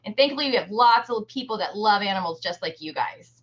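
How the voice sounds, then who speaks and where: On a video call, a woman from the humane society gives children a virtual field trip talk, explaining simply and cheering them on. Her medium-pitched voice is expressive and moves at a quick pace. The call audio, captured by her computer, sounds dull and lo-fi.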